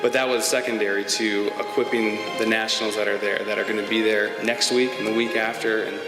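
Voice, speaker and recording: A man's voice: on the low side, flat delivery, fairly quick. A man leading a care program, explaining its goals in a matter-of-fact way in a documentary clip. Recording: echoey hall playback with loud music.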